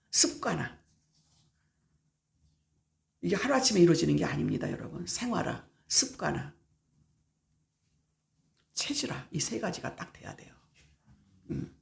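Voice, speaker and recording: A middle-aged woman pastor preaches at a prayer meeting in a low-pitched voice with vocal fry, over slight background noise. She is emphatic, repeating key words to stress her points and acting out everyday exchanges.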